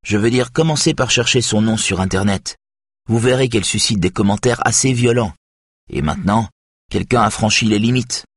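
A man's voice: on the low side, moderate pace, breathy edge, no room sound, clean studio sound, pitched above the performer's own voice. A man voicing a nervous, defiant young male hacker who talks in a tense, insistent way.

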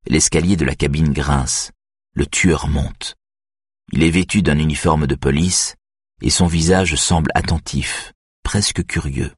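A man reading a thriller audiobook in a measured, steady way. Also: extremely low pitch, slightly rough, no room sound, clean studio sound. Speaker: audiobook narrator. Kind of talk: scripted narration of a thriller.

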